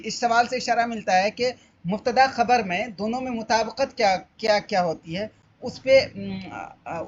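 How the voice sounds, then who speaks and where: A man teaching Arabic through an exam paper, explaining step by step and repeating each question. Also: sits high. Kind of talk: exam-paper walkthrough lesson. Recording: dull lo-fi audio, faint background noise.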